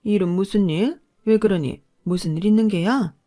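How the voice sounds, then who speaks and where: A woman's voice: medium pitch, normal speed, dark tone, pitched above the performer's own voice, lightly acted. A woman voicing a stubborn, defiant older mother-in-law who insists on her innocence. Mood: puzzled. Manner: indignant, insistent denials.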